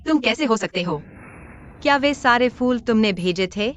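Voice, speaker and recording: A woman dubbing a sharp-tongued young woman in a drama who talks curtly and bluntly. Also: fairly high pitch, animated, normal speed, lo-fi sound, faint music behind, close to an everyday voice. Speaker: voice actor in a Hindi dub. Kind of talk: dubbed TV drama acting.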